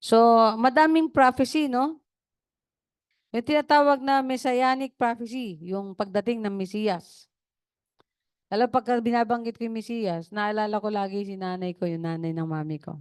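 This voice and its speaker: Woman pastor, sermon over video call: chatty storytelling delivery, smooth and fairly high voice, dry sound. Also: fairly even intonation, normal speed, no room sound. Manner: conversational, storytelling with tag questions.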